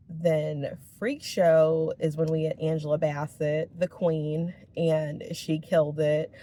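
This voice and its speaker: Woman vlogger, young adult, deep low voice, casual gushing chat, faint hiss behind. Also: darkish tone. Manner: enthusiastic, chatty, with frequent "um" pauses. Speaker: vlogger reviewing a TV series.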